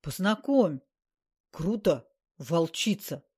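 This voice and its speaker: A woman reading aloud and voicing a brash, cocky young man who teases loudly and bluntly. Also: fairly high pitch, lively intonation, slow pace, husky, heavily acted. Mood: mocking. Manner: loud, teasing, laughing.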